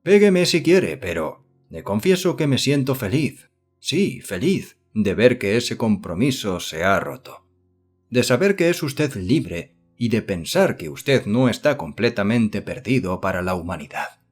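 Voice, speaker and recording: A man voicing an earnest, excitable young idealist who speaks eagerly and effusively in an audiobook. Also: lowish voice, a little slow, slightly rough, faint music behind, exaggerated voice.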